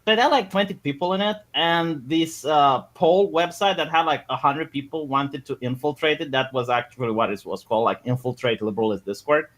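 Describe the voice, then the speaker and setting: A man debating on a casual livestream, talking fast with stammered restarts. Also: fairly high pitch, fairly bright tone. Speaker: guest debater.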